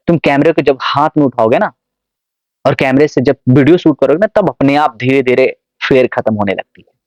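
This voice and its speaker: A man's voice: medium pitch, fairly quick, no room sound. A man vlogging casual motivational advice to camera, coaxing, often checking that viewers understand. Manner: coaxing, keeps asking if you understand.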